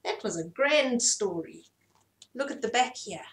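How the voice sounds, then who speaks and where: A middle-aged woman hosts storytime in a small furnished room, reading a children's bedtime story aloud to little kids and explaining it with feeling. Her voice sits a little high, with lively intonation and a measured pace.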